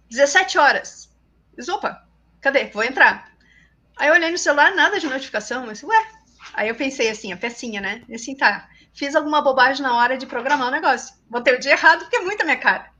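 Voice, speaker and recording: A woman with a Brazilian Portuguese accent co-hosting a casual live chat, telling a story with animated energy and laughter. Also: sits high, muffled recording. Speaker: co-host.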